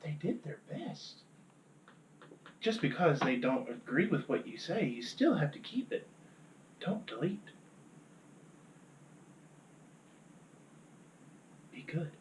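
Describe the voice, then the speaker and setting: A man voicing soft shoulder angel and devil figures, slow and creaky, in a comedy skit. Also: sits high, animated, echoey room, a little hiss or hum, pitched above the performer's own voice, full character voice, rough recording. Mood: soft pleading.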